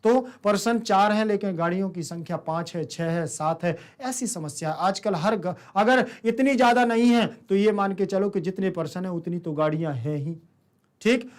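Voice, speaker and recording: A man's voice: sits high, moderate pace. A man with a Hindi-speaking Indian accent, teaching a Sanskrit lesson. He asks his students questions and then answers them himself.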